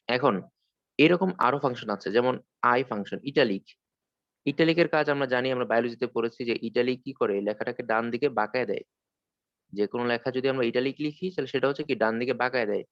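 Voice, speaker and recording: Fast-talking male teacher, dull call audio. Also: mid-range voice, no echo. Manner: quick, explanatory, asks and answers own questions. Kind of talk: online class lecture. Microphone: computer mic on a video call.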